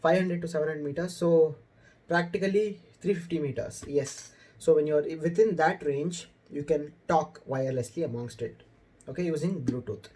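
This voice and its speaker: This young adult man, a motorcycle vlogger with an Indian accent, chats casually to camera in a room and explains things informally. He has a fairly high, warm voice and talks at normal speed.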